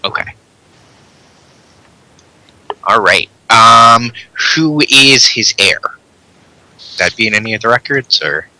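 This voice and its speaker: A man playing a tabletop game, asking slow, hesitant questions with many ums. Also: lowish voice, sharp tone, dry recording, rough recording. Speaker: player.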